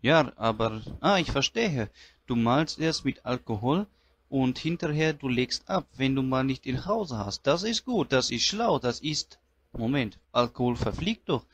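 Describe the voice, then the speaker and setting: A man doing a naive, earnest immigrant, talking slowly in broken grammar. He is polite and wide-eyed, telling his story as a comedy character monologue. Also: mid-range voice, animated, slight background noise, natural voice. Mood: puzzled.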